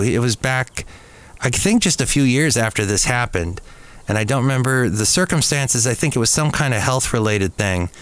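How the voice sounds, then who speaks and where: A middle-aged man hosting a podcast, casually reminiscing about his old radio days in an unhurried storytelling way. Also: mid-range voice, fairly bright tone, clear, resonant tone. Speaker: podcast host. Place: café.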